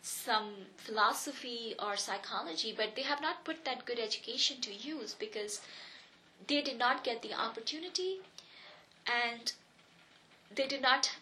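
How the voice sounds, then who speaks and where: Interviewed for a personal oral history, an Indian economics professor in her thirties shares her life story earnestly and reflectively, restarting often. Her fairly high voice sounds pushed and bright, moving at a measured pace, with a little hiss or hum in the background.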